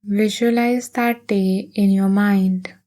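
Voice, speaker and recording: A woman guides a meditation at a mid pitch, her intonation fairly even. She speaks softly and gently, never rushing, and leaves long pauses.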